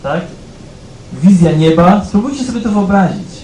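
A man preaching a sermon in a conversational way, often checking in with the congregation and growing louder as he reads scripture aloud. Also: high-pitched, animated, moderate pace, reverberant, slight background noise, rough recording. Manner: conversational, keeps asking "tak?" of the congregation; rises louder when reading scripture aloud.

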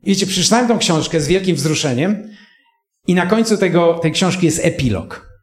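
A man's voice: high-pitched, animated, moderate pace, echoey room. A man in his fifties from Poland, preaching in an earnest, emotional storytelling manner and speaking directly to his listeners. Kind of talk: sermon with personal storytelling.

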